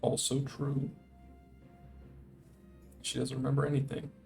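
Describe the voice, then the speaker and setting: Gravelly man commentating a game. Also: medium pitch, monotone, measured pace, a little mellow, soft background music. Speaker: game streamer. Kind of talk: casual live game commentary.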